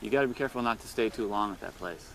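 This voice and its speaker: A relaxed man with a fairly low voice talks in an easygoing, joking way. He chuckles often as he chats with a friend. Faint noise sits under the recording. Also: very fast, gravelly. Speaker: podcast co-host; new father. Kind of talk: casual phone-style chat.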